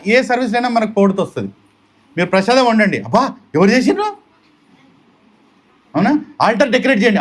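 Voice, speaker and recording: Guy giving a devotional talk at someone's home, high voice, keeps asking the room questions. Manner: emphatic, full of rhetorical questions, mixes in English. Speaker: devotional speaker. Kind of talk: sermon-style storytelling. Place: home gathering.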